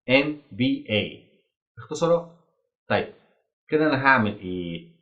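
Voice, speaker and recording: A man teaching English grammar in an Egyptian Arabic accent. He asks the class questions, answers them himself, and says the English examples slowly and clearly. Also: mid-range voice. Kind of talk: grammar lesson. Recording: dull lo-fi audio.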